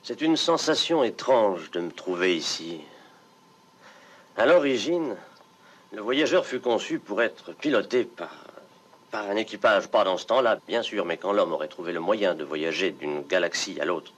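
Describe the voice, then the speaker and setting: Casting: confident space colony scientist, fairly low voice, reflective explainer, dubbed science fiction drama. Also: male voice, animated, moderate pace, fairly bright tone.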